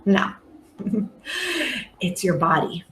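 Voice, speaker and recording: A woman's voice: on the low side, steady tone, very slow, reverberant, slight background noise. A woman speaking as a life coach guest on a podcast, earnest and reflective. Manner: earnest, reflective, acts out clients' voices. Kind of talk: podcast interview talk.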